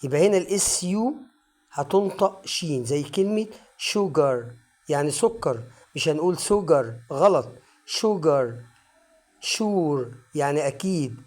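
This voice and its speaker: Egyptian man drilling English sounds. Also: fairly high pitch. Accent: Egyptian Arabic. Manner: slow drilled word-by-word repetition. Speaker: English teacher. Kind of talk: online phonics lesson.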